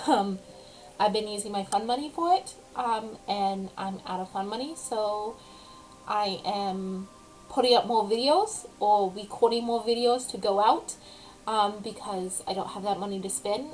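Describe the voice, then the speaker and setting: A young woman with a speech impediment giving a casual personal update as a vlogger, speaking haltingly with many ums. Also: medium pitch, poor audio.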